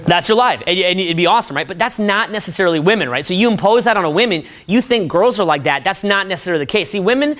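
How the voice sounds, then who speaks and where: A man's voice: sits high, expressive, quick pace, hardly any pauses, a bit bright. A man giving a profane, boastful talk to a room of men about dating, often laughing at his own stories.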